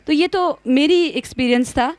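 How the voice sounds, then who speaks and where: A woman's voice: high voice, dry recording. A woman moderating a panel conversation, fluent and often switching into English phrases. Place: outdoor university courtyard event.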